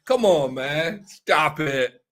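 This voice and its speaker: A man's voice: on the high side, lively intonation, slow pace, fairly bright tone. A tipsy man hosting casual political commentary, laughing and rambling, repeating himself often. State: a little tipsy. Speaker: show host.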